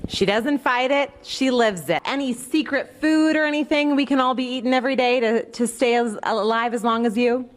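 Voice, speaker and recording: Fairly high-voiced woman TV reporter. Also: normal speed, hardly any pauses. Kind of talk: friendly interview with an elderly person.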